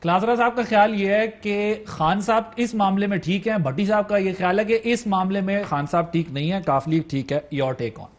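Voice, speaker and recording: Talk-show host man moderating. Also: high-pitched. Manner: brisk, hands the floor to guests.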